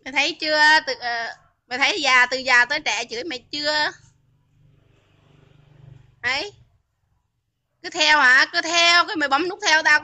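High, bright woman, taunting livestream rant. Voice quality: scolding, taunting, repeats questions. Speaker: livestream host. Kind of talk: heated livestream arguing with commenters.

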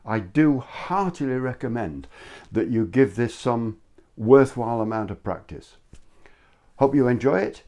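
A man's voice: mid-range voice, animated, unhurried, warm tone. An older man giving a ski lesson to camera, explaining steadily while demonstrating posture in a room at home. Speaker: ski instructor. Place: home study room, indoors. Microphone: far camera, standing full-body.

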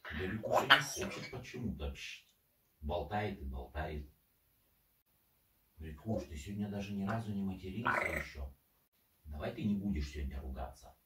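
A low, expressive male voice at a normal speed, with long pauses and background noise, chats casually to his pet parrot in a teasing, coaxing way. He's off camera in an indoor room, and the recording is echoey, with the microphone placed at a distance.

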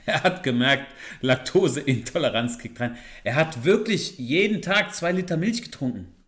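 A man with speech giving exasperated, animated commentary while reacting to a video. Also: fairly high pitch, moderate pace. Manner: exasperated, animated, swears and laughs.

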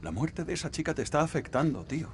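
Terse marine lieutenant, Castilian, noisy background. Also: male voice, a little high, sing-song, fast talker. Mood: confrontational. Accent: Castilian Spanish. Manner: firm, terse. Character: hard-nosed, commanding marine lieutenant. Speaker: video game character. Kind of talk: dramatic game dub acting.

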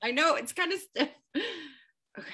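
A woman improvising a sitcom scene, excitable and gossipy as she shows off a stolen diary. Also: sits high, a little slow. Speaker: improv comedy performer.

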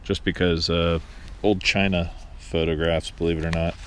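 Sorting through a cluttered storage room, a middle-aged flea market reseller thinks aloud in casual narration, filmed on a body-worn camera. His deep voice is fairly bright, level in tone and moderately paced. The handheld camera audio is noisy.

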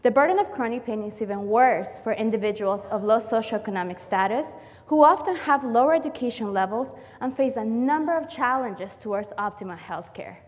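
A young woman giving a rehearsed, steady competition talk in a lecture hall. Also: fairly high pitch, brisk, few pauses. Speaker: competition speaker. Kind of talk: prepared talk. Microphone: lapel.

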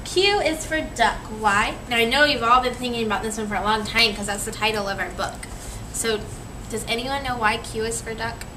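Here the young woman's voice is a little high, brisk, pushed and bright as she reads a picture book to children and quizzes them in a teacherly way. She sits in a chair in a small room, and a camera several metres away records the noisy scene.

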